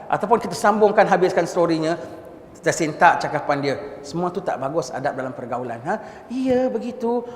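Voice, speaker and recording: Brief: high-pitched religious teacher with a Singaporean Malay accent, chatty lecture style, recorded in an echoey mosque hall with long reverb and faint noise. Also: male voice, fairly quick. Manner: conversational, often checks listeners with "ha?"; mixes English words into his speech.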